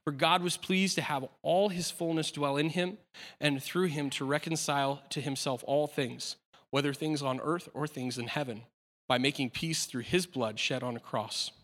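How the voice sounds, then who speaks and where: A man's voice: fairly high pitch, fairly even intonation, moderate pace, a bit bright, long reverb tail. A man in his thirties preaching a sermon in a casual, self-deprecating way, with plenty of fillers and restarts. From United States. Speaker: pastor.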